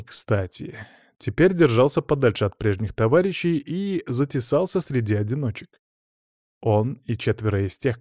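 A man narrating a first-person audiobook in a lively storytelling manner with wry asides. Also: fairly low pitch, no room sound, studio quality.

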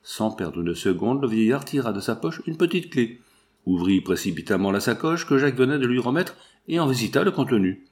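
Guy reading an old novel aloud, really lively up and down voice, steady pace. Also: medium pitch, a little fast. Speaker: audiobook narrator.

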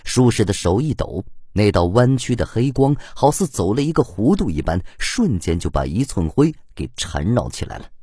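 Male audiobook narrator, lively up-and-down delivery, dry close mic. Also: lowish voice, moderate pace, few pauses, husky, no room sound. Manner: expressive storytelling. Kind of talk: scripted narration.

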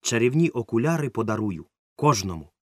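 A man's voice: mid-range voice, sing-song, brisk, dry recording, studio quality. A man voicing a stern, suspicious middle-aged woman yard-sweeper who is secretly a witch, in an audiobook. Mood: cross bossy. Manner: stern, scolding, sharp. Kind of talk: audiobook character voice.

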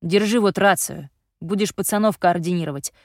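A woman voicing a gruff, commanding male rescuer doctor who barks blunt orders in an audiobook reading. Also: fairly low pitch, moderate pace, darkish tone, no room sound, studio quality, lightly acted.

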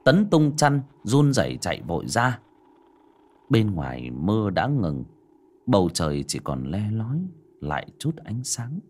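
A man reading a horror story aloud in a dramatic, expressive way. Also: on the low side, measured pace. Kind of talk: scripted horror narration.

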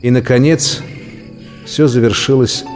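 Man narrating a story over music. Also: mid-range voice. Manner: measured, expressive reading. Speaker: audiobook narrator. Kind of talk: scripted narration. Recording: long reverb with music and crickets.

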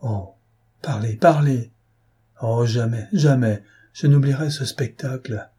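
A devoted old governess pleads through tears, as a man reading aloud puts her on. The voice is dark and very husky, raised in distress. A storybook character full of feeling. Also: mid-range voice, takes it slowly. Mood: pleading. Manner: pleading, emotional. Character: frightened, tearful older governess, devoted.

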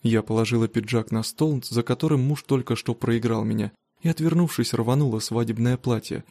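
A man reading a first-person novel aloud in a steady, even manner. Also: medium pitch, a little fast, dry recording. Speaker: audiobook narrator. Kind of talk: first-person audiobook narration.

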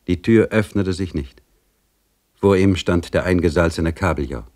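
A man with a very deep voice reads a literary story aloud. His delivery is measured and dramatic, with a calm, steady storyteller's pace. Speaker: audiobook reader. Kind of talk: literary audiobook reading.

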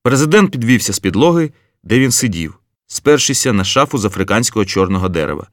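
A man narrating an audiobook in an even storytelling manner. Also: fairly low pitch, fast talker, no echo, clean studio sound. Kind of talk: scripted narration.

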